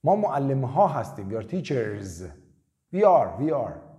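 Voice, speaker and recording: A man teaching basic English in a casual, lively way, repeating short phrases for students to copy. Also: medium pitch, gravelly. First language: Persian. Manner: lively, drills phrases with repetition. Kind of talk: casual spoken lesson.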